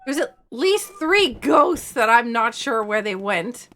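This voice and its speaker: A woman's voice: fairly high pitch, big pitch swings, slow pace, a bit bright, a little hiss or hum. A woman streamer chatting casually to herself and her viewers while playing a video game. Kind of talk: casual live gameplay chat.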